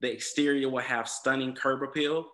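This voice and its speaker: A man's voice: mid-range voice, steady tone, normal speed, sharp tone. A man from Southwest Atlanta, giving an earnest prepared presentation to a zoning commission, with frequent ums and repeated words. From Southwest Atlanta, USA.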